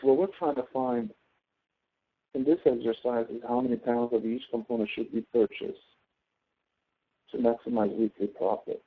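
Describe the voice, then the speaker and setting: With slight background noise and a thin, phone-like recording, a man's mid-range voice comes through at a moderate pace, pausing often. He is a professor teaching an online class, guiding a student step by step in an informal way and regularly checking "okay?".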